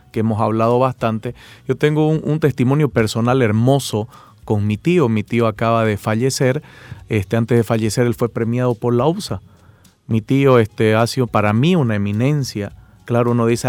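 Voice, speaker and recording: A man in his forties with a Bolivian accent from Santa Cruz, telling a personal story in casual talk, lively, acting out voices and restarting words. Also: medium pitch, dry recording. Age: 40s.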